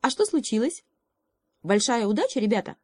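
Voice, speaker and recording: A woman's voice: fairly high pitch, sing-song, a little fast, darkish tone, husky, dry recording, clean studio sound, voice pushed up. Woman putting on a sly little froglet. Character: cheerful cunning little male froglet.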